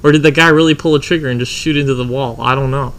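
A man telling a long story in casual chat, swearing freely and animated. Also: medium pitch, racing.

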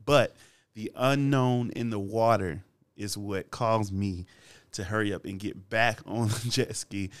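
A man with a low, smooth and resonant voice, hosting a relaxed faith-based podcast. He tells stories at an easy, drawn-out pace and laughs often along the way. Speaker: podcast host.

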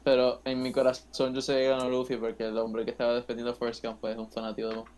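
A man's voice: mid-range voice, completely flat delivery, fast, very noisy. A young man with a Puerto Rican accent making his case in casual, slangy Spanish peppered with English. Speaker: debater on a fan panel show. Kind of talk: casual bilingual debate.

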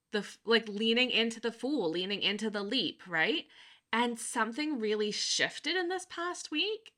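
A woman in her thirties talks through her thoughts in a relaxed podcast chat. Her voice has a bright, clear edge, and she thinks aloud with plenty of fillers and easy laughter. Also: medium pitch. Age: 30s. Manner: reflective, laughs often, many fillers. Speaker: podcast co-host. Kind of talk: casual chat.

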